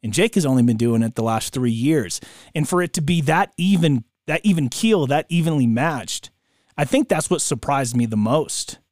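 A man's voice: mid-range voice, expressive, moderate pace, darkish tone, dry recording, studio quality. A man chatting casually about sports as a podcast co-host, with slangy bro talk.

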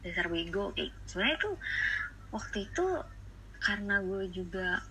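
A woman's voice: mid-range voice, sing-song, normal speed, sharp tone. A young woman telling a personal story casually and hesitantly over a phone call, mixing in English phrases. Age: young adult. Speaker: podcast guest on a phone call. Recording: phone call with clear background noise.

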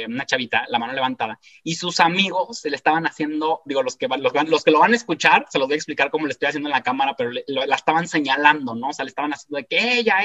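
A man with a Mexican Spanish accent, telling a story as a guest in a casual, animated, slangy way. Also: a little high. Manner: animated, slangy, acts out quoted voices. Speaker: guest speaker. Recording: dull lo-fi sound.

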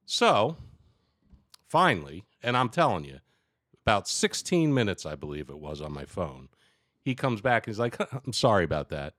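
A man's voice: fairly low pitch, normal speed, long pauses, dry recording, studio quality. A man co-hosting a casual podcast, telling a funny personal story and laughing as he goes. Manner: animated, laughing through his own anecdote. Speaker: podcast co-host.

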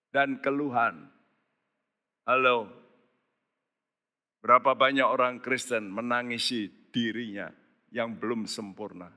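A man preaching a sermon as pastor, emphatic and rising to loud exhortation. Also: mid-range voice. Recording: long hall reverb.

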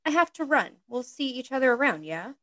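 A woman's voice: sits high, sing-song, a little fast, sharp tone, pitched above the performer's own voice, exaggerated voice. A woman reading the lines of a young man casually dumping his girlfriend, without changing her voice. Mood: dismissive. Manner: reads the role in her own plain voice. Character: young man, a breezy, dismissive boyfriend. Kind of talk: podcast fan-fiction reading.

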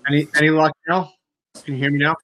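Give me a male interviewer on a bad connection, voice breaking up and robotic, a bit higher and bright. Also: level tone, quick pace. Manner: repeats himself checking if he can be heard. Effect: breaking-up call audio, robotic-sounding. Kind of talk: remote sports interview. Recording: muffled, dropping remote call line.

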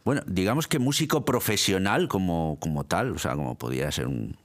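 A man's voice: deep voice, brisk. A middle-aged man from Italy, a guest in an interview, talking casually with frequent restarts, repeated words and laughs.

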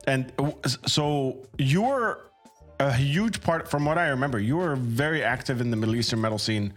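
A man hosting a casual podcast interview, halting and repeating words as he phrases his thoughts. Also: medium pitch, animated, faint music behind. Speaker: podcast host.

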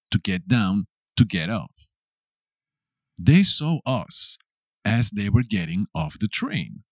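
A man with a Castilian Spanish accent teaching a beginners' vocabulary lesson, slow and deliberate with playful asides. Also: lowish voice, a little mellow, no room sound, clean studio sound.

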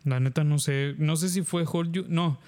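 Relaxed Mexican man co-hosting a podcast. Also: fairly high pitch, normal speed. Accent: Mexican Spanish. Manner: relaxed slangy talk, many fillers. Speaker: podcast co-host. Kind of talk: casual chat.

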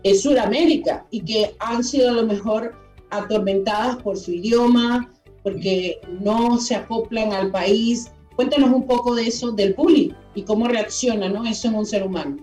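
A woman hosts a radio talk show in a casual, effusive way, laughing easily and filling pauses with "eh". Her voice sits a little high. She sounds distant from the mic in an echoey space, with faint music underneath. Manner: warm, effusive, laughs often, many fillers.

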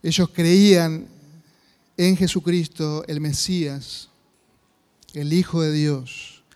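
A man's voice: on the high side, fairly even intonation, slow, a little mellow, clean tone, big-room sound. A man, a pastor with a Rioplatense Spanish accent, teaching a sermon-style Bible class and earnestly checking in with the congregation. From Argentina. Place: church hall.

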